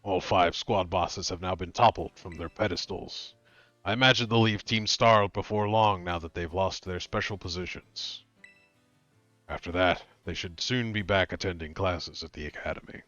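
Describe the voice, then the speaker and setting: A secretive teenage girl boss talks through a disguised deep voice-changer voice, as a man puts her on. The voice sits very low and moves slowly and theatrically. The stream audio is slightly dull and dry, with faint music underneath. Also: a bit bright, no room sound.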